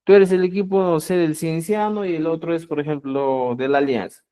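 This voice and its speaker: A man's voice: a little fast, clean tone. A man teaching Quechua grammar online, calling his viewers "estimados amigos" and checking in with "¿ya?". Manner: addresses viewers as "estimados amigos", asks "¿ya?" often; lively pitch swings on example words.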